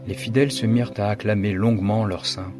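A man reading a story aloud in a dramatic, measured narration. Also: fairly low pitch, steady tone, darkish tone, faint music behind.

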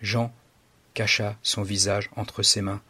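A man reading a story aloud in a dramatic, measured narration. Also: fairly low pitch, breathy edge, dry recording.

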